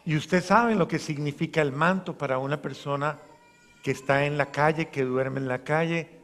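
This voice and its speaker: A man preaching a homily as a parish priest, acting out voices and swinging from soft to loud. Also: a little high, moderate pace. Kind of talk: sermon. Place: large church. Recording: long church reverb.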